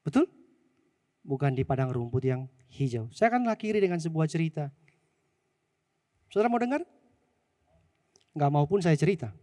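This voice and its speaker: A male pastor preaching a sermon and telling a story, animated and often asking the congregation questions. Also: a little high, normal speed, pauses often, no room sound, studio quality, in a large hall. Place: church hall.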